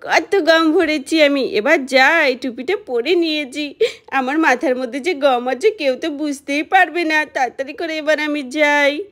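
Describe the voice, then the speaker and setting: A woman voicing a cheeky, mischievous little boy in a doll cartoon, talking in excited exclamations. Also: sits high, measured pace. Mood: scheming.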